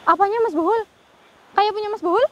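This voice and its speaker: A woman with a very high voice hosts a ghost-hunting vlog. She sounds nervous throughout and keeps breaking into murmured prayers. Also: fairly quick, fairly bright tone, slight background noise, rough recording. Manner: fearful, praying aloud often. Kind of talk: live paranormal investigation vlog.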